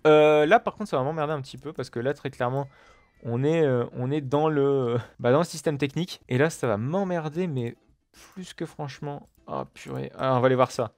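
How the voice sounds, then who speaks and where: A man talks through a building game at his computer in loose, chatty commentary. He swears freely and keeps turning to his viewers with fillers and asides. His voice is mid-pitched and recorded dry, with no room echo. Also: moderate pace, darkish tone. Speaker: gaming video creator. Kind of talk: casual let's-play commentary.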